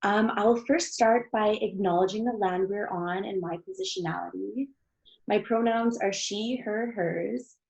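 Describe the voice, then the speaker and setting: Young woman, host, earnest and enthusiastic, gravelly fry, formal intro. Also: mid-range voice, measured pace, darkish tone, rough recording. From Canada. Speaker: host introducing a guest speaker.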